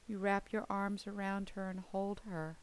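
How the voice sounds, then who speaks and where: A woman leading a guided visualization, speaking gently and deliberately in short phrases with pauses between them. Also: mid-range voice, fairly even intonation. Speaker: guided meditation leader. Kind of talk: guided visualization narration, second person.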